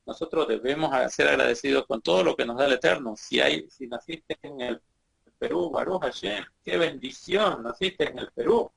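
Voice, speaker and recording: Male congregation teacher, gravelly voice, earnest sermon with emphatic swells. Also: on the high side, animated, normal speed, a bit bright. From Bolivia. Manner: earnest, repetitive exhortation with rising emphatic bursts.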